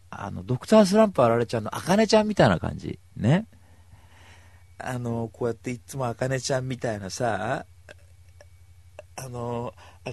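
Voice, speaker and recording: Brief: male talk host, husky lively delivery, dry close mic. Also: medium pitch, no echo. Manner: animated, acts out other people's lines in voices. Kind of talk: casual storytelling monologue.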